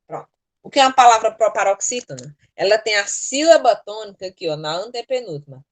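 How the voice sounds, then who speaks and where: A woman's voice: mid-range voice, animated, brisk. A Brazilian woman teaching an online class, explaining spelling rules patiently and step by step into a computer mic. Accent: Brazilian Portuguese. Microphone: computer mic in a virtual class.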